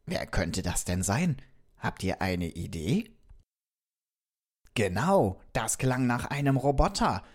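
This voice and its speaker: A man's voice: mid-range voice, slow pace, pauses often, exaggerated voice. A man voicing a friendly, curious robot from another planet, telling a children's story and asking the kids questions. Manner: lively, talks directly to the kids with questions.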